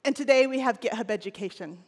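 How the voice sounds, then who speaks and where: A woman's voice: fairly high pitch, fast talker, darkish tone. Woman giving a keynote in a reverberant hall. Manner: scripted, earnest, occasional restarts. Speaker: keynote presenter. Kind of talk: conference keynote speech. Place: large stage in a conference hall. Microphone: headset or lapel mic on stage.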